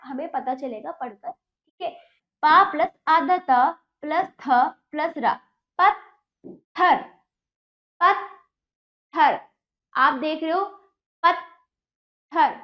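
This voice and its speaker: Woman teacher drawing out words slowly for kids, high voice, roomy dull-ish sound. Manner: slow, over-enunciated syllables for pupils; asks questions and answers them herself. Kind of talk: Hindi grammar lesson for children.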